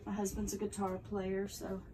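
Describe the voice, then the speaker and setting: A woman's voice: mid-range voice, normal speed. Middle aged lady showing her boat, lots of ums, echoey noisy phone video. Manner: relaxed, hesitant with many ums. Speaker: boat owner giving a tour. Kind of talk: casual tour talk. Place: aboard a river sternwheel boat. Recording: roomy echo, distant, noisy.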